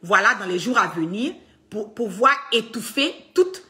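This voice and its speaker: A woman's voice: mid-range voice, expressive, measured pace, bright, forceful tone. A woman talking casually to her followers in a video, emphatic and insistent, often stopping to restart and filling gaps with small filler words. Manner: heavy use of fillers and restarts. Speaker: online political commentator.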